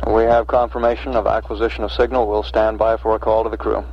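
Male mission commentator, lowish and monotone, measured and factual, on a muffled archival feed. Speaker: mission control public affairs announcer. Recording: dull archival broadcast with faint hiss.

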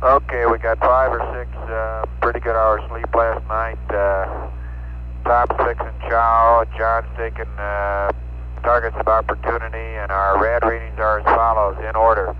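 A man's voice: on the low side, little pitch movement, a little slow. A man, an astronaut, giving terse, clipped status reports to mission control over a crackly spacecraft radio link. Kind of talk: air-to-ground radio communication. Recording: muffled radio link with faint static.

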